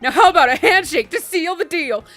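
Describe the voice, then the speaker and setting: A woman's voice: very high voice, expressive, brisk, fairly bright tone, soft background music, voice pushed up. A woman voicing a hot-headed young male sportsman prosecutor in a video game, whiny, brash and accusatory.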